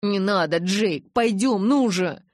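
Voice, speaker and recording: A woman reading the part of a fifteen-year-old werewolf boy, loud and pleading. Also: medium pitch, slow, no room sound, studio quality.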